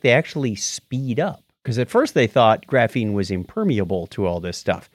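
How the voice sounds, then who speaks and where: On a podcast he co-hosts, a man jokes casually about tech news, chuckling often as he talks. His voice is medium-pitched, and the studio sound is clean with no echo.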